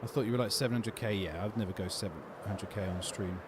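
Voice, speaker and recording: A man's voice: lowish voice, quick pace, noisy background. Laid-back London man streaming. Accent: London English. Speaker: gaming streamer. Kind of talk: casual livestream chat, answering viewer questions.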